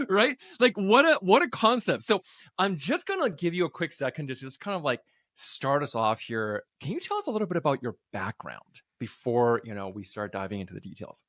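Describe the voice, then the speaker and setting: A man from North America hosting a casual interview podcast, upbeat and quick to laugh. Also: a little high, no echo. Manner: animated, laughs often, upbeat. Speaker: podcast host.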